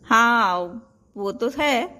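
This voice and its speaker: A woman's voice: a little high, lively intonation, very slow, pushed and bright, heavily acted. A woman voicing a casual, teasing young husband in a cartoon. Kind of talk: cartoon voice acting.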